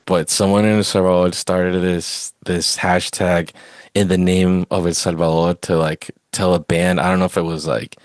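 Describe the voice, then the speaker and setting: Recorded close and dry with no echo, a man with a low voice hosts a casual sports podcast, rambling through his opinions in a conversational flow. His pitch barely moves and his pace is moderate.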